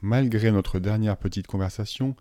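A man voicing a cold, sinister male deputy headmaster who speaks slowly, softly and with menace. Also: on the low side, dry recording, studio quality, natural voice. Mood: menacing. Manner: slow, soft and menacing.

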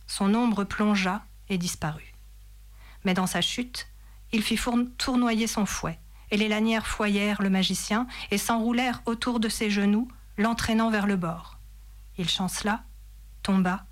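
A woman reads an epic fantasy passage aloud, pacing it like a storyteller. Her voice sits in an ordinary middle register and builds the drama through delivery. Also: mid-range voice. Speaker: reader. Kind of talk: expressive reading of a novel passage.

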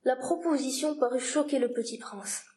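A woman reading the narration of a storybook aloud in a calm, measured way. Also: sits high. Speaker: reader.

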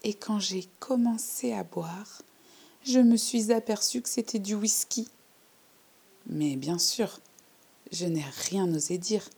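A bashful, painfully polite little girl tells her tale in a hushed storybook voice, as a woman reads it. Her tone is husky and slightly gravelly, with a dark, mellow edge. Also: mid-range voice, full character voice. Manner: timid, hushed storytelling in first person. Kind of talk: storybook reading.

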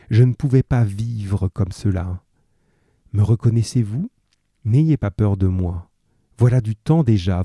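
A man reading aloud the lines of a young man in love, soft and halting as he confesses. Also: fairly low pitch, no echo, studio quality, close to an everyday voice.

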